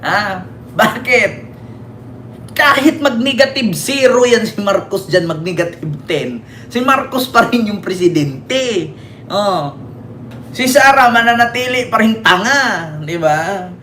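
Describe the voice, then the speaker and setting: A man's voice: high voice, lively intonation, slow, bright, forceful tone, slight background noise. A man from the Philippines hosting a mocking political commentary stream, taunting his critics, swearing and asking "di ba?" again and again. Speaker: political vlogger and livestream host.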